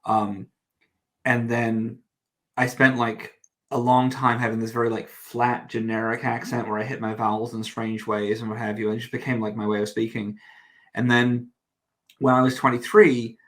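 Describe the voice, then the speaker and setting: A man in his thirties from New Zealand, whose accent mixes New Zealand and American, chats casually as a guest, restarting often in a self-deprecating way. His medium-pitched voice stays fairly flat at a normal speed.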